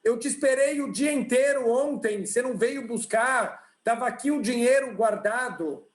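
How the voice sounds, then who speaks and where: A man's voice: extremely high pitch, normal speed, pitched above the performer's own voice. Exasperated rich man, as a rabbi puts him on. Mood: indignant. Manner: indignant, scolding. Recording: roomy video call audio.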